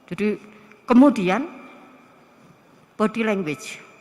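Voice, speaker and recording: A middle-aged woman with a Javanese accent, giving a university classroom lecture in a lively way and putting rhetorical questions to the audience. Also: mid-range voice, slow. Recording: long hall reverb.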